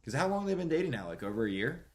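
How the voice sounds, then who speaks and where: A man co-hosting a casual podcast, teasing his partner with quick, pointed questions. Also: mid-range voice, big pitch swings. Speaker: podcast co-host.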